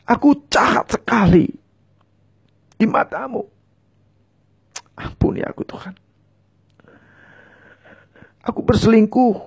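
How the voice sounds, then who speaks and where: Male preacher, husky and high, leads viewers through fervent call-and-repeat prayer. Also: slow pace, long pauses. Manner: fervent, repetitive prayer lines for viewers to echo; speaks in tongues.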